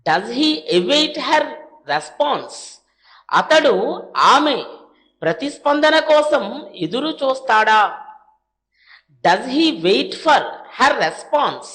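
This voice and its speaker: A woman with a Telugu accent teaching spoken English, reading each practice question very slowly and then translating it. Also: high-pitched, very animated, fairly bright tone. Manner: reads English sentences very slowly, then Telugu translations; brisk asides to "friends". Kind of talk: language lesson drilling sentences.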